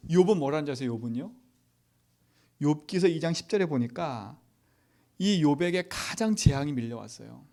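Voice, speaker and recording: A male pastor giving a sermon. He asks the congregation rhetorical questions and swings from loud exhortation to near-whispers. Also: fairly high pitch, animated, moderate pace, vocal fry, pauses often.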